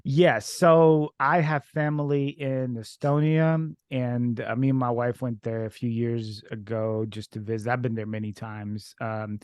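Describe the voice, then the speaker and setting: A man's voice: medium pitch, fairly even intonation, measured pace, hardly any pauses, darkish tone, smooth, no room sound, studio quality. Russian-speaking man hosting a podcast. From Ukraine. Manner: rambling, many fillers and restarts. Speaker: podcast host. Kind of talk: casual interview.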